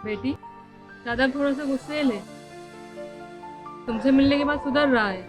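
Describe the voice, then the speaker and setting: A woman's voice: high-pitched, moderate pace, music in the background, lightly acted. An actress playing an older relative who coaxes a young woman to drop her complaint. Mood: coaxing.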